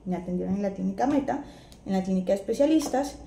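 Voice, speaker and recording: Chatty Colombian woman, mellow voice. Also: medium pitch, quick pace, creaky. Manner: chatty, animated retelling with acted-out quotes. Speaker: vlogger. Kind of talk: casual personal storytelling. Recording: echoey room, faint ambience.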